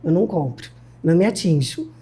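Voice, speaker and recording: A woman's voice: fairly low pitch, lively intonation, a little fast, mellow, slightly rough. A woman in her sixties from Brazil, a guest educator in an interview, telling stories emphatically and acting out quoted dialogue. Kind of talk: interview conversation.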